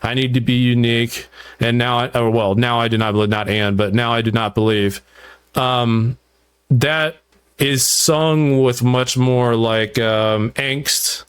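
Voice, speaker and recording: A man hosting a podcast, talking at length about writing his song, animated and full of restarts. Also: medium pitch, slow, smooth. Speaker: podcast host and musician. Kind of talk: casual interview chat.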